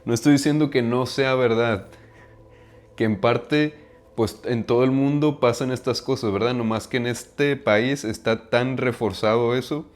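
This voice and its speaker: Talking to camera about self-improvement, this man from Mexico keeps things casual, sprinkling in slang and tagging lines with "right?" as a question. He has a Mexican accent, a medium-pitched voice, fairly even intonation and a measured pace.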